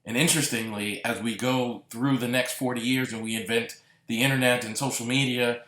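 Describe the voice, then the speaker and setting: Man, podcast host, earnest, reflective monologue, middle pitch, echoey room. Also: fairly even intonation, fairly quick, sharp tone. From Massachusetts. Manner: earnest, lingering on repeated words. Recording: roomy echo.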